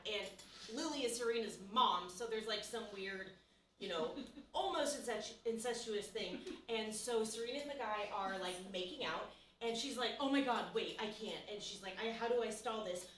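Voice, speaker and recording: A woman with a bright, crisp voice rattles off a gossipy, breathless recap on a small stage, jumping into little acted-out quotes. She sounds a bit far from the mic, in a roomy, echoing space. A faint hum sits underneath. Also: fairly high pitch. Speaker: improv performer. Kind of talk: live improv monologue. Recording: echoey room, mic from a distance.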